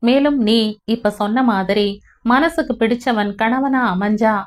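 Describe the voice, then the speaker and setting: A woman as young husband, earnest, gentle, remorseful, fairly high voice. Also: unhurried, close to an everyday voice.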